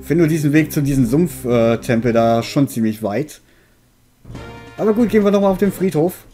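A man's voice: fairly high pitch, expressive, moderate pace, dark tone. A man giving casual game commentary as a let's player, with a dry, mildly grumbling manner. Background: game music.

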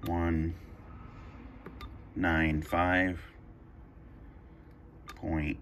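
In a low, fairly bright voice with little pitch movement, a man draws out his words while demonstrating a radio scanner. He's at home in a carpeted room, improvising a casual tutorial, hesitating and thinking aloud as he presses buttons; there's a little hiss or hum.

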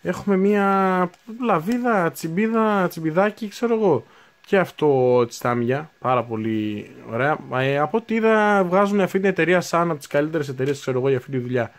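A man's voice: a little high, expressive. A man in his twenties chatting casually as he unboxes new hobby supplies, thinking aloud and correcting himself as he goes. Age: 20s. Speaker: unboxing video host.

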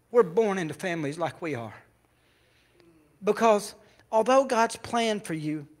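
A man preaches in a church with a high voice for a man. He tells his story in turns, from loud declarations to quiet, hushed admissions. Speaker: pastor. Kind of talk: sermon.

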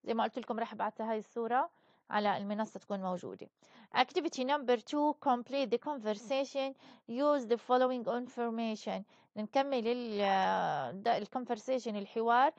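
A woman teaches English, switching back and forth between the two languages. She patiently repeats each word slowly, and her voice sits a touch high. The recording is dry and dull, with a lo-fi sound. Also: no room sound. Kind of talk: bilingual classroom lesson.

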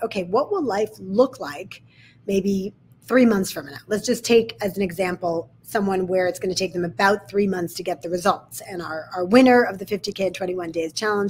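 A woman's voice: medium pitch, slightly rough. A woman sales coach with a slight lisp, explaining a method step by step in an instructional video.

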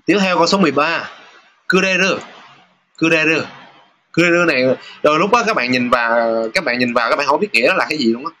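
The Japanese teacher's voice sits on the high side, pushed and bright, as he leads a casual lesson through test questions. Talkative, he drops filler sounds in his pauses and reads example sentences aloud slowly.

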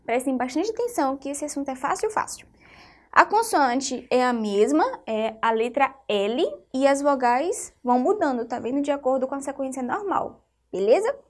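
High, lively-voiced woman teaching children. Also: normal speed. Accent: Brazilian Portuguese. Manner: patient, keeps checking in with the class. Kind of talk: children's phonics lesson.

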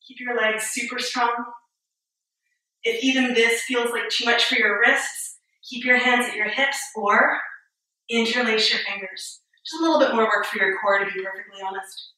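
A woman in her thirties leading a guided yoga class, cueing each move calmly and a little out of breath. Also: a little high, moderate pace. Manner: calm step-by-step cueing, a little breathless and joking. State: a bit out of breath. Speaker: yoga instructor. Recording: very echoey room, voice far from mic.

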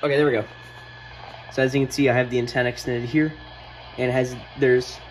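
Recorded indoors on a handheld phone, a man narrates a casual hands-on tutorial at a wooden desk, thinking out loud as he demonstrates. His voice is mid-range, with background noise present.

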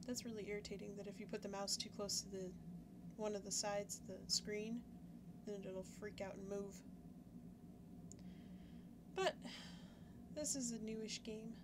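A gaming YouTuber at a home setup, webcam in the corner, talks through her game in a casual, self-mocking way, thinking aloud as she plays. The young woman's mid-range voice keeps a steady tone and moderate pace, with long pauses. Loud background noise fills the recording.

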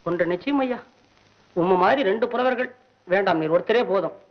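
A poor, hot-tempered temple poet with a high, whining voice who keeps grumbling and needling everyone around him. The old film soundtrack sounds dull and muffled, as in a 1960s movie. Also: male voice, expressive. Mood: bickering. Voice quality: whiny, high and quick-tempered. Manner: complaining, sarcastic, talks to himself. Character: poor, fretful male temple poet, comic and whiny. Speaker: comic lead in a devotional film. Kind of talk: 1960s Tamil film acting.

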